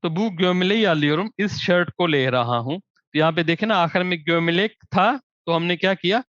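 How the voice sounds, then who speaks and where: A man teaching grammar as a language teacher, giving examples in slow, drawn-out words between quicker explanation. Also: high voice, a bit bright, no room sound. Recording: dry, dull lo-fi recording.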